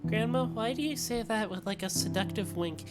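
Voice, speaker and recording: A woman's voice: mid-range voice, soft background music, lightly acted. Woman voicing a sarcastic young boy. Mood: exasperated. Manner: slow, sardonic, swears freely. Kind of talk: improvised game voice-over.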